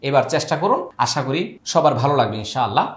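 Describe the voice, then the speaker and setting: A man teaching Quran reading, spelling each letter and vowel mark, then slowly chanting the words, with quick spoken asides. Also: mid-range voice, very animated, echoey room. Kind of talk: slow syllable-by-syllable recitation lesson.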